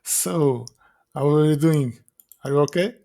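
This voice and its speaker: A man hosting a podcast, asking questions in a soft-spoken, hesitant way. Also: on the high side, unhurried, creaky. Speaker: podcast host. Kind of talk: casual interview.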